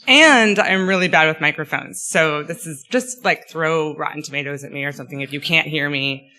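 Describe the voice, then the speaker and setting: Woman speaker losing her voice, bright tone, lots of ums, chatty and self-deprecating. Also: sits low, normal speed. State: losing her voice, clearing throat. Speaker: guest speaker. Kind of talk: academic talk.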